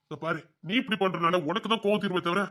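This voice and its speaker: A man's voice: sits high, fairly even intonation, fast talker, a bit bright. A soothing, caring father. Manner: soothing, coaxing, repeats himself. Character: caring middle-aged father comforting his daughter. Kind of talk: TV serial drama.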